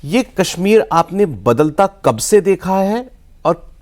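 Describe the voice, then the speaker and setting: A male talk show host with a fairly high voice that rises and falls a lot. He frames long questions for his guest in an animated way. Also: takes it slowly. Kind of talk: hosting a studio discussion.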